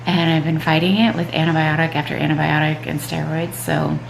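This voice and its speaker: This stuffed-up mom and triathlete talks a little fast in a level tone, her voice sitting low, as she vlogs chattily at home one morning. Her talk rambles, full of "um" and "like." The audio is reverberant, with a noisy background and clear music running beneath her.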